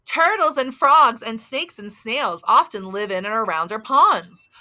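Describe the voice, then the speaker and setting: Outdoors by a house, a Southern American early childhood teacher reads aloud to young children and adds her own commentary. Her high, bright voice is sing-song, expressive and unhurried, rising and falling a great deal as she asks simple questions, the way one talks to a toddler.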